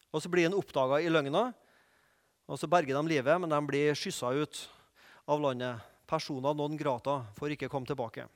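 Male preacher in a high register, lively storytelling sermon with audience questions; long hall reverb.

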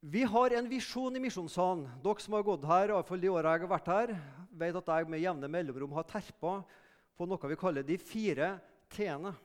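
A man preaching a sermon in a mission hall, earnest and conversational with emphatic raised calls. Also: sits high. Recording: reverberant hall.

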